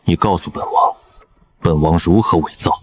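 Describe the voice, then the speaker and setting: A man voicing a deep, cool, mocking prince. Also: moderate pace. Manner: calm, drawling, quietly mocking. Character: cool, composed young male prince, calm and mocking. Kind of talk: animated drama dubbing.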